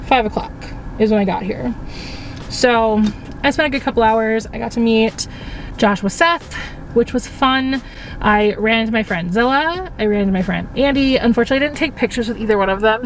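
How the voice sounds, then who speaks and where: A woman's voice: on the high side, expressive, normal speed. A woman vlogging casually to a handheld camera outdoors in a city, chatty and wryly sarcastic. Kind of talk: casual vlog narration to camera. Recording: noisy outdoor city street.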